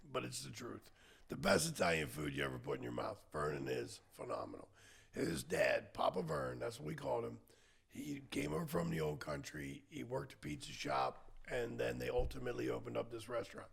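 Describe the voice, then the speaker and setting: A man hosting a podcast who tells stories in a casual chat and acts out quotes loudly. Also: mid-range voice, big pitch swings, moderate pace. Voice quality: gravelly, husky voice. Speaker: podcast host and bar owner.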